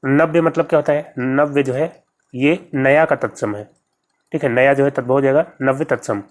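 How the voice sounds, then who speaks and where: A man coaching students through exam questions in a steady, methodical way. He pauses to spell words out and says each correct answer more than once. His pitch sits in an ordinary middle range. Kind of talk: exam-prep grammar lesson.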